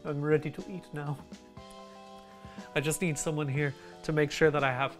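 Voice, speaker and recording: A man's voice: a little high, little pitch movement, normal speed, soft background music. A man hosting a comedic cooking demo in his home kitchen, joking and mocking himself as he cooks. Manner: playful, jokey, self-mocking. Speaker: cooking video host.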